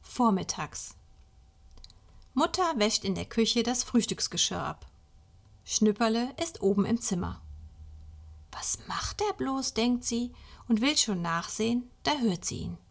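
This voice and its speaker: A woman reads a children's Advent story aloud. Her delivery is slow and clear, her voice slightly high. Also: animated.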